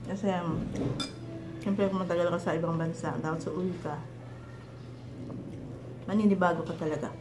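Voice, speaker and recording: A Filipino woman vlogging at home, chatting in an unhurried way while chewing her food. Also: on the low side, fairly even intonation, background noise. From Philippines. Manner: unhurried, chatty, with long eating pauses. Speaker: mukbang vlogger. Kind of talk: casual mukbang chat. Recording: echoey room with clattering dishes.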